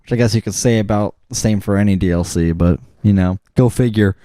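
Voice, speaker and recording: Male podcast co-host, warm mellow tone, dry close mic, rambling chatter full of "like" and "um". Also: lowish voice, a little fast, no echo. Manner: rambling, frequent fillers and restarts. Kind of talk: casual chat.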